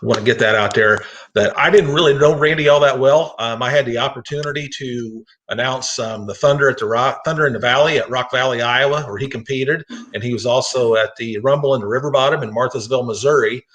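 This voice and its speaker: A man's voice: mid-range voice, brisk, hardly any pauses, fairly bright tone. American man hosting a casual talk show. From East Central Illinois, United States. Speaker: host and tractor pull announcer.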